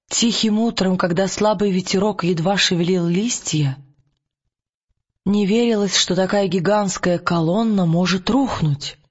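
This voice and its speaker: A man reading an audiobook aloud in a calm, measured storytelling manner. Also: high voice, slightly rough, muffled recording. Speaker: audiobook narrator. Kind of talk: scripted narration.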